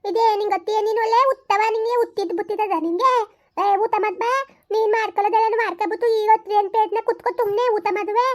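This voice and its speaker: A woman plays a sharp-tongued village wife. She scolds in a very high, piercing voice and rattles her words off fast. Underneath the scolding she is kind. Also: steady tone. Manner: scolding, quick and shrill. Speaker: housewife in a village comedy skit.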